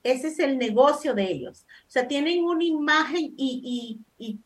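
A woman with a notably high voice speaks on a talk show panel, giving casual advice. She is middle-aged and talks firmly and emphatically, circling back to drive her points home. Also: animated, normal speed. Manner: firm, emphatic, repeats points for stress.

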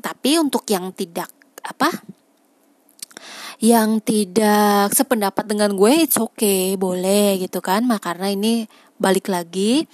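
A woman's voice: medium pitch, a little slow, pauses often, darkish tone, no room sound. A woman, talking casually to her viewers, reasoning aloud and dropping frequent filler tags. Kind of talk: casual monologue on life choices.

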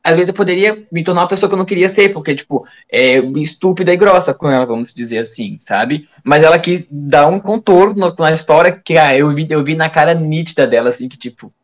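A man, a lively interview guest in casual conversation. His voice sits a little high for a man. He acts out the people in his stories and often restarts mid-sentence. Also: brisk, few pauses. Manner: lively, animated, plays out the dialogue he retells; many fillers and restarts.

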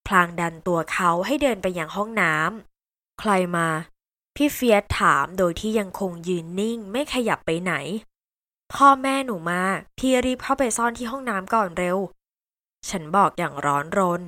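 A woman reading a first-person novel aloud with steady, expressive storytelling. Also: medium pitch, no room sound. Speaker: novel reader.

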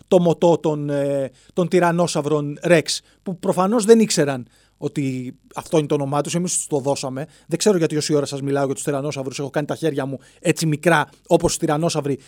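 A man's voice: on the high side, darkish tone, no echo. A man hosting a solo comedic podcast, rambling playfully from one bit to the next and slipping into silly voices, alone in a studio. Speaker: podcast host.

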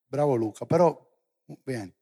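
A male preacher giving a lively sermon to young people, theatrical and building to loud exclamations. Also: medium pitch, normal speed.

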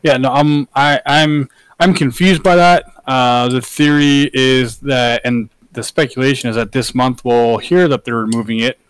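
A man's voice: mid-range voice, steady tone, measured pace, clean tone, no echo, low-quality recording. A man hosting a casual gaming podcast, talking in an opinionated, emphatic way. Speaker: podcast host.

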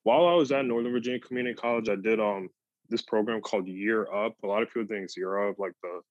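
A man's voice: lowish voice, quick pace, dry recording. Young man with a dull, dry lo-fi sound. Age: young adult. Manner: relaxed, lots of "like" and "um". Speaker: podcast guest. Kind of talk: casual podcast chat.

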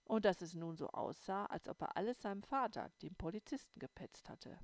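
A woman narrating a first-person audiobook in a calm storytelling manner. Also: mid-range voice, a little fast, no echo. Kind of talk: scripted narration.

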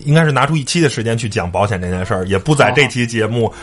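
A man hosting a casual car podcast, relaxed and repeating words as he talks. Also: mid-range voice, rapid-fire. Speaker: podcast host. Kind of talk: casual chat.

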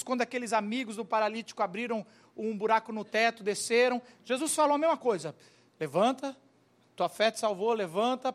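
Male pastor, high voice, animated storytelling preacher who acts out characters. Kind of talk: sermon.

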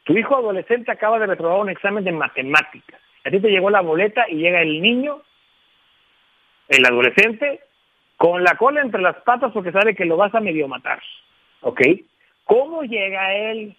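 A man calls into a radio show as a guest speaker on communication, his voice sitting high with big pitch swings and a slightly fast pace. He explains things emphatically, addressing the listener with frequent tag questions. The telephone line sounds tinny and dry, with no echo.

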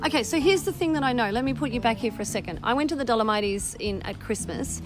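A woman's voice: on the high side, lively intonation, quick pace, music in the background. Chatty woman podcast host. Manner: chatty, enthusiastic, talks over guest. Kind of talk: casual podcast interview.

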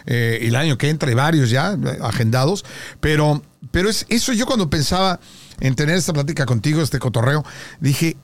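Joking podcast host. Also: male voice, a little high, expressive, fairly quick, dry recording. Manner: joking, prompting, playful teasing. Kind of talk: casual interview chat.

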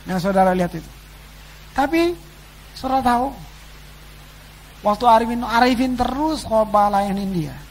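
A man preaching a sermon to his congregation, swinging between loud exclamations and quiet asides. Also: high voice, expressive, normal speed, pauses often, rough recording. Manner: addresses the congregation as "saudara". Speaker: pastor. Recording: faint background noise and hum.

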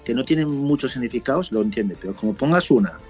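A man's voice: medium pitch, fast talker, lo-fi sound, faint music behind. Chatty Spanish man telling travel stories. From Spain. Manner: lively storyteller, swears casually. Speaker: motorcycle traveler guest. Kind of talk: casual chat.

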